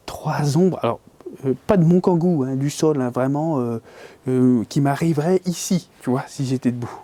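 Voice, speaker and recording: Guy rambling thru a spooky camping story, mellow low-key voice, slangy, lots of fillers. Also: moderate pace. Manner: drops to whispers at tense moments. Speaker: angler telling a story. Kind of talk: casual spoken anecdote.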